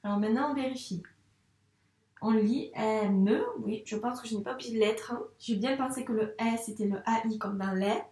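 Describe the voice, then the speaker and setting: A woman teaching young children handwriting, speaking patiently and slowly spelling words out syllable by syllable. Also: on the high side, fairly even intonation, darkish tone, reverberant, distant mic. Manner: slow, patient, syllable-by-syllable dictation. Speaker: primary school teacher.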